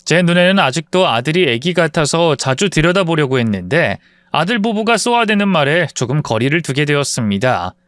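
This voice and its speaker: A man's voice: a little high, very animated, brisk, few pauses, fairly bright tone, no room sound, studio quality. A man reading a first-person story as a scripted narration, in a confiding, matter-of-fact tone.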